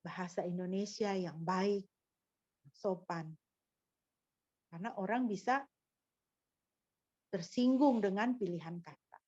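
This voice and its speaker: A woman's voice: mid-range voice, slow pace, pauses often, warm tone, no room sound, dull audio. A woman pastor delivering a sermon in a teaching manner, often asking rhetorical questions of the congregation. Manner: didactic, with frequent rhetorical questions.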